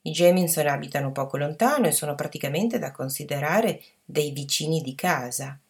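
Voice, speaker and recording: A woman voicing a brisk, practical middle-aged aunt who gives firm, motherly instructions, in a low, gravelly voice. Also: lively intonation. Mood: coaxing.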